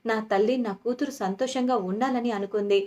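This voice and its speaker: A woman's voice: fairly high pitch, fairly even intonation, a little fast, darkish tone, close to an everyday voice. Brief: remorseful middle-aged father, apologetic and subdued, voiced by a woman narrator.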